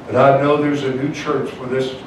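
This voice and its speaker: A man preaching as a pastor, punctuating his lines with "amen" and calls to the church. He swings between soft, low passages and shouted, high climaxes. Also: flat delivery, normal speed. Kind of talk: evangelical sermon. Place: church sanctuary, indoors. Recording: echoey church sound from far off, faint noise.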